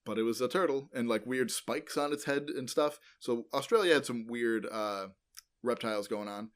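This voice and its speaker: Explaining paleontology on a relaxed educational podcast, a male co-host speaks at a medium pitch. He rambles informally, revises his own statements, and pads pauses with many ums, uhs, and likes.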